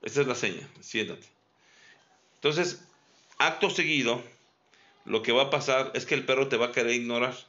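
A man teaching dog training outdoors, calmly demonstrating and repeating commands. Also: mid-range voice, moderate pace, long pauses. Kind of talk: hands-on training instruction. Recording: dull recording with loud background noise and barking dogs.

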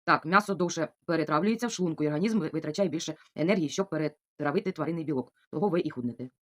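Fast-talking chatty woman. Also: low voice. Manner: chatty, confiding, keeps asking the viewer "you know?". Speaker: vlogger answering viewer comments. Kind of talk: casual chat to camera. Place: at home.

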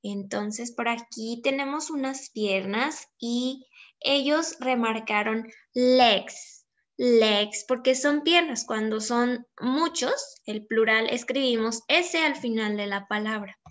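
A woman teaching children English in a recorded lesson, explaining patiently and reading English phrases very slowly. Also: on the high side. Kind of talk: recorded online class.

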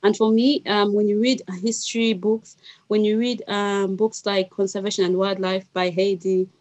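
A Ugandan-accented woman in her thirties, a wildlife researcher appearing as a guest panelist on a video call, picks her words with hesitant care. Her medium-pitched voice is darkish and flat, moving at a moderate pace. She's in a small indoor room, heard through a call headset.

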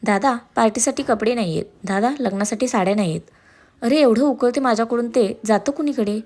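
A woman's voice: fairly high pitch, fairly quick. A woman voicing a sarcastic, hyper young groom who teases and complains.

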